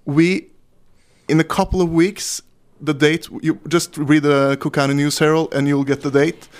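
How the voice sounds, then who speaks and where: Guest: man, a bit high, halting. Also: flat delivery. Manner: halting, many fillers and restarts. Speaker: guest documentary maker. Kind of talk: radio interview.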